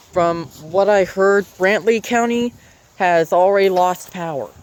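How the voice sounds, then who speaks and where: A man speaking casually to camera as a vlogger giving updates, halting and often clearing his throat. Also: high voice.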